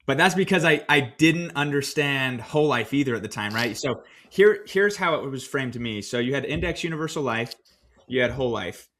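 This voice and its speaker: A man co-hosting a podcast, recounting his own finance choices in a relaxed, storytelling way with plenty of fillers. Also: medium pitch, fairly quick. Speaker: podcast co-host. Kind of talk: casual podcast discussion.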